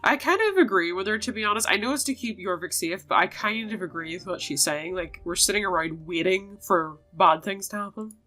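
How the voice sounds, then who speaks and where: A woman hosting a gaming video gives casual commentary in a sharp, mid-range voice, talking a little fast with few pauses. She chats to herself and her virtual animals and reads dialogue aloud, her voice laid over game music.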